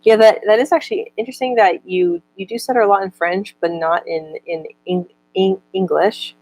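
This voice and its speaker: Recorded in low quality, a young woman with a steady, slightly mellow mid-range voice answers viewer comments in casual chat. She slows down to read each comment aloud, and she stutters frequently with repeated words and clipped syllables.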